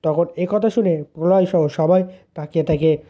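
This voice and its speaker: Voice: medium pitch, moderate pace. A narrator plainly retelling a serial's episode as a story. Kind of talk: storytelling recap. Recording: dull lo-fi sound.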